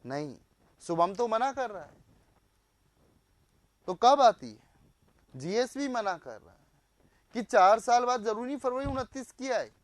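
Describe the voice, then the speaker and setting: A man's voice: very high voice, animated, a little slow, long pauses, no echo. A male teacher running a live online class, quizzing students, repeating their answers back and mixing in English phrases.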